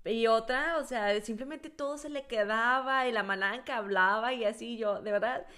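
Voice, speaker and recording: A woman's voice: on the high side, moderate pace, bright, forceful tone. A woman with a Mexican accent, chatting casually and self-deprecatingly, often using fillers as she talks. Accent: Mexican Spanish. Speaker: language learner. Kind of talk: casual conversation.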